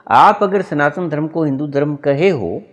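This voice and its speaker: A man's voice: on the high side, moderate pace. A man, a spiritual teacher, giving a sermon in a storytelling manner and mimicking voices for humor.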